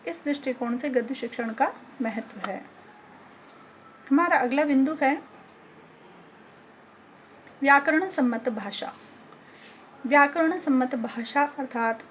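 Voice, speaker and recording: A woman teacher educator giving a lecture on teaching methods, listing points one by one in a measured way. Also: high-pitched, slight background noise.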